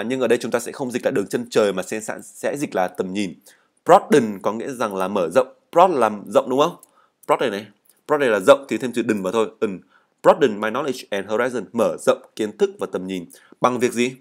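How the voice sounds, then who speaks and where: Man teaching English, drilling words. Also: lowish voice. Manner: drills pronunciation, repeats words for students; explains in Vietnamese and reads English model answers. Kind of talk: spoken language lesson.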